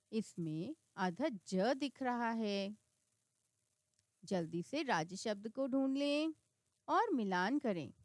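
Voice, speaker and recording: A woman teaches young children to read, saying each word slowly and distinctly. Her voice sits high and moves a lot in pitch. The recording is dry and close. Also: no echo. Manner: slow and clear, sounding out words one by one. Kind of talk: reading lesson for children.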